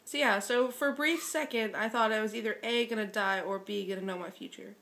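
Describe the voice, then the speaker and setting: A woman's voice: mid-range voice, brisk, vocal fry, fairly bright tone. A young woman from Michigan chatting casually, giggly, telling a story with lots of "like". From Michigan, USA. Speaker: visiting guest.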